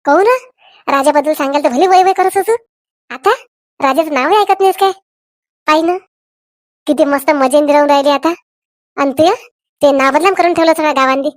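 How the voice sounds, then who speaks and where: A woman plays a chatty, scolding village aunt in a cartoon. She talks on and on in a high voice. The sound is close and dry. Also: fairly quick, long pauses, dry recording, close to an everyday voice. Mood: gossipy. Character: gossipy middle-aged village aunt, meddling. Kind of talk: cartoon voice acting.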